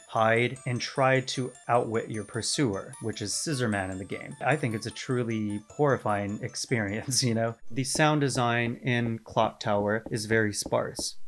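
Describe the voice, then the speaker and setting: A man hosting a gaming video, narrating a casual video essay and explaining things step by step with conversational asides. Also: mid-range voice.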